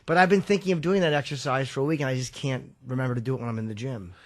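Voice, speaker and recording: A man's voice: mid-range voice, racing. A man co-hosting a podcast, telling stories in chatty, profane casual banter. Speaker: podcast co-host.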